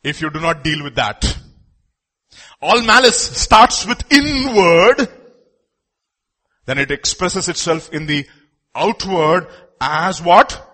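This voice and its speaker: Man, Indian accent, emphatic sermon, animated swooping pitch, bright forceful voice, rhetorical questions. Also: slow pace, long pauses. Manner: emphatic, repeats phrases, asks rhetorical questions. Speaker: preacher.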